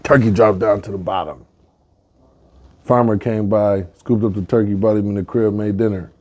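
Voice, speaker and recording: A man with a low, mellow voice tells fables and life lessons in relaxed slang. He moves from playful to reflective, pausing to draw out the moral. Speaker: guest entrepreneur. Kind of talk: casual storytelling.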